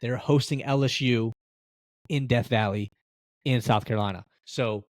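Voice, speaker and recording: A man's voice: mid-range voice, normal speed, dry recording, studio quality. A man co-hosting a sports podcast, talking in a chatty, storytelling way and laughing easily. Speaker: podcast co-host. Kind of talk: casual sports chat.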